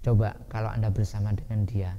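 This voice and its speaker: A man with a Javanese accent giving a lively Islamic study sermon, asking his listeners questions and acting out angry shouting. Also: lowish voice, fairly quick, muffled recording, slight background noise. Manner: lively, asks the audience questions, acts out shouting. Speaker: ustadz teaching a hadith class. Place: boarding school study hall. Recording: reverberant hall with faint ambience.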